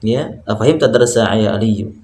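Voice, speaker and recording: A man teaches Arabic grammar in a calm, step-by-step way. He checks that his student understands and praises correct answers. His voice sounds roomy, with a strong echo around it. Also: lowish voice, normal speed. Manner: patient, explains step by step, often says "Masya Allah". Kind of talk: online Arabic grammar lesson.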